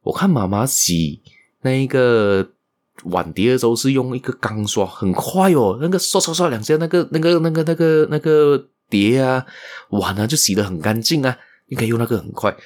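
A man voicing an excited young boy in a told story, raising his voice and repeating words as he talks. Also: mid-range voice, moderate pace, pitched above the performer's own voice, lightly acted. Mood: eager.

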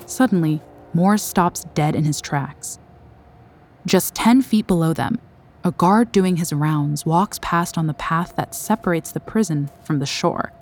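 A woman giving scripted documentary narration, recorded as a studio voice-over, in a measured, dramatic storytelling manner. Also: sits low, a little mellow, a little hiss or hum.

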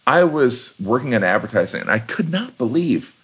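A man from Indiana with a Midwestern accent, a comedian chatting casually as a guest and telling animated stories. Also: mid-range voice, moderate pace. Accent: Midwestern American. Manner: animated storyteller, shifting into voices for quotes. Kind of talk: casual conversation.

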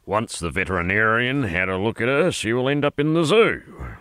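A man voicing a calm, knowing old male farm dog in a storybook. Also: moderate pace, dry recording. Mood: sober, reassuring. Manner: calm, reassuring, low-key.

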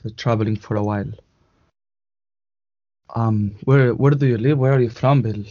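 A man's voice: mid-range voice, steady tone, dark tone. A man from Spain with a Spanish accent, a native Catalan speaker, chatting casually as a guest and often restarting his sentences. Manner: halting, restarts often, tag questions. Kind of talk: casual interview chat. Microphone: video call. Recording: muffled lo-fi call audio.

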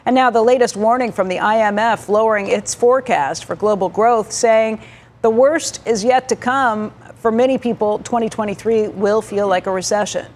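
A woman anchoring a live TV news show, presenting and questioning a guest in a crisp, steady way. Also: on the high side, moderate pace.

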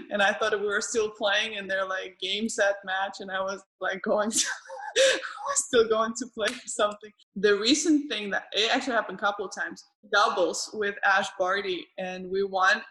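A woman tennis player in casual conversation, talking haltingly with frequent restarts and repeated words. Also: mid-range voice, pushed and bright, low-quality recording.

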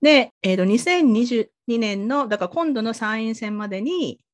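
A woman's voice: a little high, expressive, normal speed. A woman hosting a casual podcast chat, talkative with many asides and encouraging nods. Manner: chatty, frequent back-channel nods, rambling asides. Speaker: podcast host.

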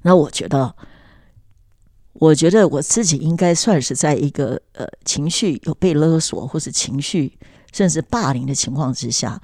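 A woman's voice: deep voice, normal speed, warm tone, no echo, clean studio sound. An adult woman talking casually on a podcast, recounting personal memories in an earnest, reflective way.

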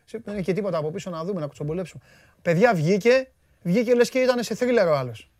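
Greek guy hosting a live sports stream, high voice, dry close sound, jokey and chatty. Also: lively intonation, darkish tone, no echo. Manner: joking, teasing, talks over the guest. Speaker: host of a live sports show. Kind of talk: lively live-stream chat.

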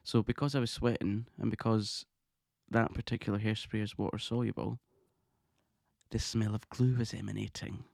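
A man hosting his own podcast, talking in a chatty, excitable way and laughing often. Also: lowish voice, moderate pace, gravelly, no room sound, studio quality. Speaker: podcast host. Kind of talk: casual monologue podcast.

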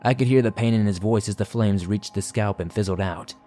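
Faint music sits beneath a man's slightly low, mellow voice as he reads a scary story for a podcast. The scripted narration comes across measured and wry.

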